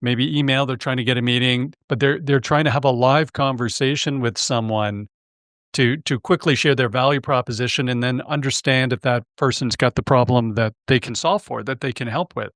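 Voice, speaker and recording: A man's voice: mid-range voice, steady tone, moderate pace, fairly bright tone, dry recording, studio quality. A man hosting a sales podcast, interviewing a guest in a conversational, engaged way. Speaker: podcast host.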